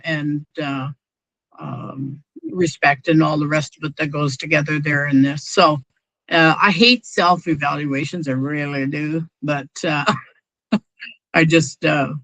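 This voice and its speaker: A man's voice: fairly high pitch, fairly bright tone, dry recording, low-quality recording. Man on a video call, hesitant. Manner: hesitant, many filler sounds. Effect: heard over a video call. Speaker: school board trustee. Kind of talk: meeting discussion.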